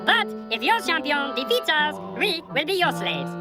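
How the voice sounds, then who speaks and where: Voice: sits high, big pitch swings, moderate pace. A pompous taunting enemy soldier. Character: small boastful enemy soldier vegetable. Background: loud cartoon music.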